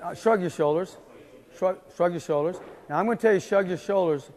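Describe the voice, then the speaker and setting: A man's voice: sits high, fairly quick, a little mellow. A man coaching a lifter live, giving insistent, repeated short commands. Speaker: weightlifting coach.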